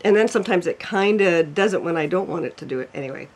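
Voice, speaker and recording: This home cooking show host talks fast in a high, expressive voice, keeping the video-call chat light and often laughing at his own expense. He is in a room at home near a fireplace.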